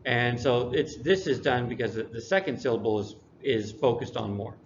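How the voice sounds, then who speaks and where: A male English teacher walks through a lesson review in an easy, unhurried way, slipping in dry humor. His voice sits at a middle pitch. The recording is dull and lo-fi, with a faint hiss behind it. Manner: relaxed, dry classroom humor.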